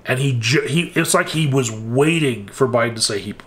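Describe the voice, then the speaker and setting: A man's voice: mid-range voice, moderate pace, a bit bright. A man giving a frank, wry, casual spoken recap with hesitant restarts, as a political commentator.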